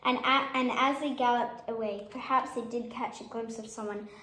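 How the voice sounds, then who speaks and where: A woman's voice: fairly high pitch, fairly even intonation, normal speed, pushed and bright, a little hiss or hum. A woman storyteller reading a children's picture book aloud. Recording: echoey room.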